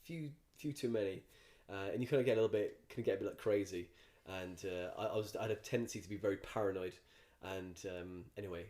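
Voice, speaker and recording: With a deep, slightly mellow voice, this Irish comedian from the countryside talks fast and barely pauses. As a guest in a relaxed podcast conversation, he rambles through stories with many restarts.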